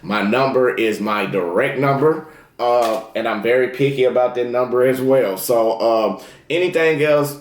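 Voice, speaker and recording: A man's voice: medium pitch, moderate pace, roomy sound. A man talking casually and directly as a tarot reader, repeating affirmations and warnings to his viewers. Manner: repetitive affirmations, folksy and direct. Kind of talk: casual spoken tarot reading.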